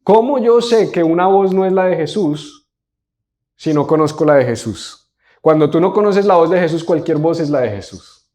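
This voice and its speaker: A male pastor delivers a church sermon in an emphatic, lively style. His voice sits a bit above the typical male range, and he keeps asking rhetorical questions and drawing the congregation into call-and-response. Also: a little high, normal speed. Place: church service.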